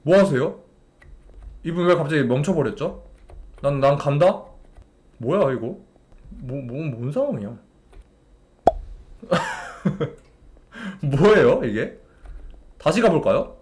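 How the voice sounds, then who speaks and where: A man's voice: fairly high pitch, big pitch swings, slow, long pauses, darkish tone. A young man streaming a game, talking in an exasperated way to a game character and his chat. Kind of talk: live gameplay commentary to chat.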